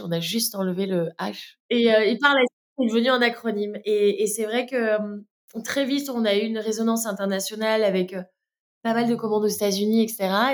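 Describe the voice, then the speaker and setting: Speaking briskly in a steady, mid-range voice, this brand co-founder from France talks openly in a relaxed interview with a French accent. Her answers are frequently halting, with many fillers and false starts.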